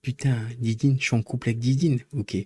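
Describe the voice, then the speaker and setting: A man's voice: medium pitch, steady tone, brisk, warm tone, husky, no echo, clean studio sound. A man chatting casually with his live-stream viewers, rambling and joking as he teases the chat.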